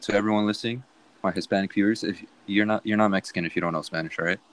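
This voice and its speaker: A man's voice: on the low side, steady tone, racing, no room sound, rough recording. A young man hosting a casual podcast, joking around and often stammering over his words. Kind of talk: casual chat.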